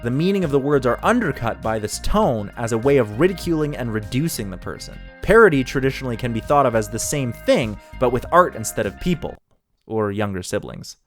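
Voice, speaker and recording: A man's voice: mid-range voice, sing-song, brisk, a bit bright, soft background music. A man giving scripted narration for a video essay in an analytical tone, with dry jokes tossed in. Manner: dry jokey asides in an analytical tone.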